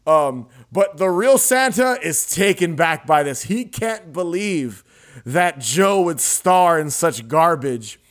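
A young adult man hosting a podcast, retelling a film scene in a casual, animated way with laughs and swearing. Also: fairly high pitch, slow. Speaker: podcast host. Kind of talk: casual chat.

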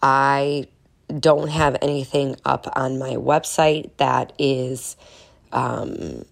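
A woman's voice: extremely low pitch, steady tone, very slow, vocal fry. A woman podcast host chatting casually, with a nasal voice from getting over a cold. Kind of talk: casual solo podcast chat.

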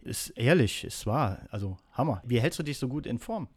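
A male podcast host leads a casual interview. His voice sits mid-pitched. He asks his questions in an upbeat, chatty manner. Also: animated, normal speed, slightly rough.

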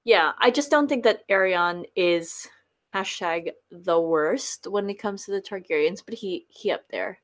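A woman's voice: mid-range voice, unhurried. A young woman guest on a podcast, chatting casually and agreeably with many fillers.

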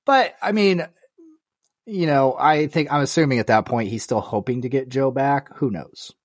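A man's voice: medium pitch, normal speed, no echo, clean studio sound. A man co-hosting a movie podcast, tossing in wry, joking asides in casual chat. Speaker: podcast co-host.

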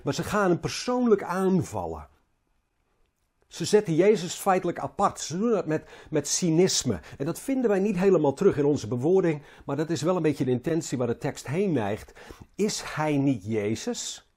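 A man preaching a Bible sermon. His voice is husky and mellow, with pitch slightly high for a man. He halts and repeats words, pushing some phrases hard and letting others sink low. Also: very animated. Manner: halting, repeats words, rises and falls in emphasis.

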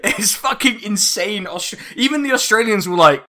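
Bright-voiced, chatty male podcast host. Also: high-pitched, animated, normal speed. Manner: laughs often, swears, chatty and wry. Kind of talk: casual history podcast chat.

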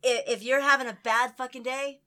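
A blunt woman co-hosting a casual chat. Her voice is bright and a little high, and she swears easily as she asks her questions. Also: steady tone, fairly quick.

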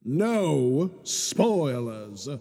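Scheming villain, grandiose, taunting, breathy, lively slow drawl, long reverb. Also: male voice, medium pitch, heavily acted. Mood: mocking. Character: smug scheming male puppet-master, theatrical and mocking. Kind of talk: video game voice acting.

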